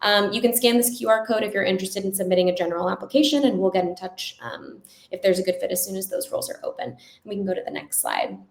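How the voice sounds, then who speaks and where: A woman giving an upbeat, salesy recruiting pitch with slides, speaking conversationally and often checking in with listeners. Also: expressive, fast. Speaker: company recruiter. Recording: echoey room sound.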